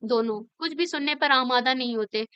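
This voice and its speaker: A woman's voice: high-pitched, normal speed, smooth, no echo, close to an everyday voice. A woman voicing a grieving young woman in an audiobook reading, speaking earnestly and emotionally. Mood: weary. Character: grieving young woman, hurt but forgiving. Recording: slightly dull lo-fi recording.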